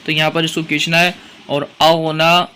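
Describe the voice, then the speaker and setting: A man with a Pakistani Urdu accent teaching Quran recitation rules, explaining each point and chanting verses slowly. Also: on the high side, flat delivery, pushed and bright, smooth. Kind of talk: tajweed lesson with chanted recitation.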